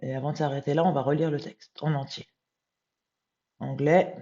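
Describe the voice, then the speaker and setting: Tired woman, mellow voice, mutters while working, lo-fi home recording. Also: sits low, fairly even intonation, gravelly. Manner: muttering to herself, reads passages slowly and emphatically. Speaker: medium transcribing a channeled text. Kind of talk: live screen-recorded transcription, thinking aloud.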